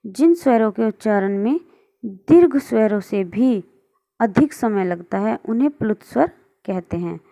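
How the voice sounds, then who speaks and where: A woman's voice: fairly high pitch, lively intonation, measured pace, gravelly, mellow. A woman teaching a grammar lesson online, explaining on screen and patiently asking and answering her own questions.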